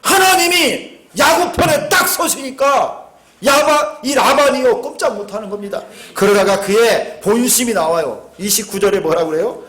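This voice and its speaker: A man's voice: extremely high pitch, lively intonation, moderate pace, a bit bright, echoey room. A male pastor preaching a Wednesday service sermon, asking the congregation questions and acting out quoted lines with a raised voice. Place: church sanctuary.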